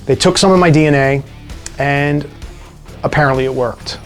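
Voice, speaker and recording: A man with a New York accent answering viewer questions in a casual vlog, relaxed and wry with dry jokes. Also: on the high side, moderate pace, faint music behind.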